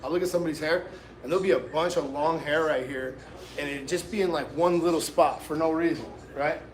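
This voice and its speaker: A man's voice: fairly high pitch, steady tone, fairly quick, echoey room. A man hosting a live haircut tutorial as a barber, talking casually and in slang straight to his viewers. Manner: informal, slangy, addresses viewers directly. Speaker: barber and livestream host giving a haircut tutorial.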